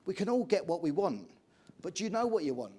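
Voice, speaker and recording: High-voiced English motivational speaker, man. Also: fairly quick, breathy edge. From England. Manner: energetic storytelling, asks the audience questions. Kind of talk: motivational keynote speech.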